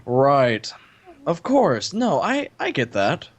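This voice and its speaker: A man voicing a pompous, awkward geeky young man in an amateur voice drama, speaking in a stiff, lowered voice. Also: wildly swooping pitch, slow, full character voice.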